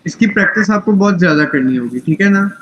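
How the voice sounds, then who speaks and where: A man's voice: high-pitched, lively intonation, fairly bright tone, roomy sound, highs cut off, slight background noise. A man teaching tajweed in an online class, patient and corrective, mixing English phrases into his speech. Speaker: Quran recitation teacher.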